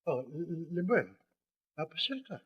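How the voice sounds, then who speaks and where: A stammering flustered husband. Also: male voice, a little high, big pitch swings, unhurried, husky, lo-fi sound, faint music behind, heavily acted. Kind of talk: radio drama acting.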